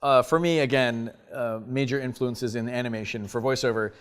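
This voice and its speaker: A man from Canada, a voice actor, chatting as a guest in a casual interview, animated and full of fillers. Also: mid-range voice, normal speed, clean tone. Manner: animated storyteller, lots of uh fillers and restarts.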